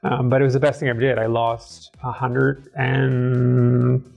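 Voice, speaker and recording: A middle-aged man from the American South, a guest in an interview, talking candidly with a quick, self-deprecating, sardonic wit. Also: medium pitch, completely flat delivery, gravelly, darkish tone, dull audio, faint music behind. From southern United States. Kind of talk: candid conversational storytelling.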